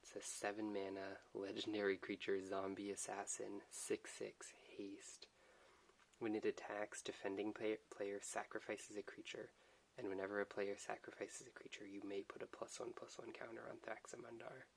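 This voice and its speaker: A soft-spoken man giving an unhurried ASMR unboxing commentary. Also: fairly low pitch, completely flat delivery, vocal fry, rough recording. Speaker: host of an unboxing video. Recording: hissy background noise.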